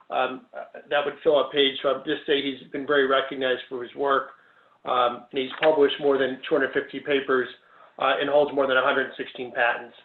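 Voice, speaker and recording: On a tinny, echoey video call, an event organizer with a mid-range voice haltingly welcomes people and introduces a panel, full of ums and restarts.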